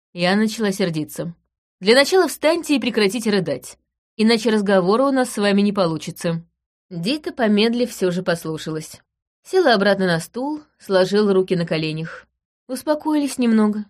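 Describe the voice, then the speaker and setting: Woman narrating an audiobook, brisk and dry. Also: mid-range voice, expressive. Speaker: first-person narrator.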